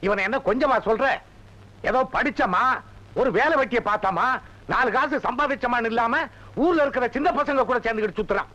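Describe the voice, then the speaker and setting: An actor playing a fussy, theatrical village father in a film comedy, loud and melodramatic. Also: very high-pitched, fairly quick. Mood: scolding. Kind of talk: Tamil film comedy acting. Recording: dull lo-fi film soundtrack.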